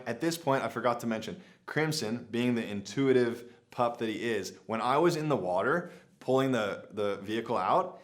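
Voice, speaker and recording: A young man vlogging, telling a story casually to camera with lots of filler words and acted-out quotes. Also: mid-range voice. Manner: animated, many "like" fillers, acts out his own past lines. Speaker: adventure vlogger.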